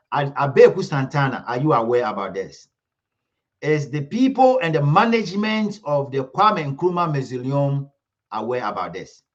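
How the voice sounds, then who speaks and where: A man's voice: mid-range voice, dull audio. A man hosting an online commentary livestream, talking emphatically, repeating himself and pleading with viewers.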